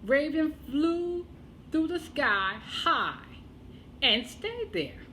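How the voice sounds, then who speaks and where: A woman telling a children's tale as a storyteller, expressive and deliberate, with dramatic pauses. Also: sits high, slight background noise.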